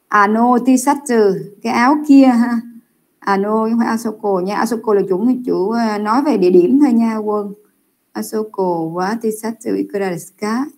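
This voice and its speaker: A young adult woman teaching an online class, correcting students' answers with patient, drawn-out explanations over a computer mic. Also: a little high, a little mellow.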